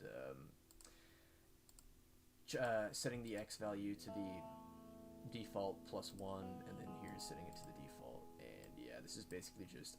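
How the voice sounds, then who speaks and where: A man with a fairly low voice narrates a casual screen-recorded coding tutorial. He talks haltingly, full of fillers and restarts, often correcting himself mid-sentence. Clear music plays underneath. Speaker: modding tutorial host. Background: background music.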